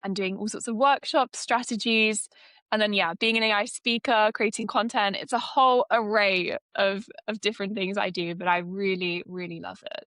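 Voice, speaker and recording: A woman's voice: mid-range voice, fairly even intonation, normal speed, fairly bright tone, no echo. A woman in her twenties from the UK, an AI consultant answering podcast interview questions with frequent laughter. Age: 20s. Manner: enthusiastic, laughs often. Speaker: guest, AI consultant.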